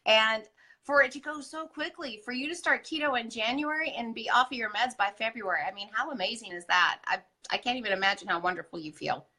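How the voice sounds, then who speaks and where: A woman's voice: a little high, brisk, bright, forceful tone, poor audio. A woman hosting a live wellness show, chatting casually and gushing with enthusiasm. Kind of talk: casual live-stream chat.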